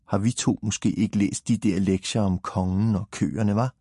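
Brief: man reading as a wide-eyed storybook boy, husky and dark, bursting with excitement. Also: lowish voice, no room sound, clean studio sound. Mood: eager. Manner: eager, exclaiming. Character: excited little boy, eager and curious.

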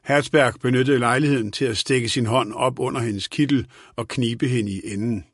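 A man narrating an audiobook in a calm, even reading manner. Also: mid-range voice, husky, no room sound, clean studio sound.

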